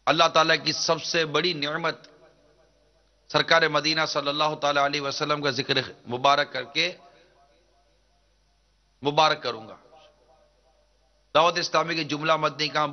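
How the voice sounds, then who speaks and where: A man preaching a devotional sermon in an earnest, measured declaiming manner. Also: a little high, fairly even intonation. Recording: dull lo-fi recording.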